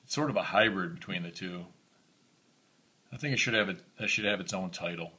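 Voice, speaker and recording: A man with a monotone voice, talking casually through a knife review for his vlog, recorded on a phone camera. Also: sits low, a little fast, breathy edge. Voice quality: monotone, self-described.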